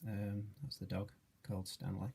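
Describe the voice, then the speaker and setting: A man in his late forties from Yorkshire speaks in a low, gravelly and somewhat husky voice. He talks in a flat, even way, hesitant and modest, with plenty of ums as he introduces himself for a charity video. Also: normal speed. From Yorkshire, England. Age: 40s. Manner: hesitant, many fillers, modest. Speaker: charity trustee and treasurer.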